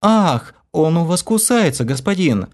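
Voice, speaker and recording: A man's voice: a little high, normal speed, darkish tone, pitched above the performer's own voice, lightly acted. A man doing a purring enchanted maid. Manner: purring, coaxing.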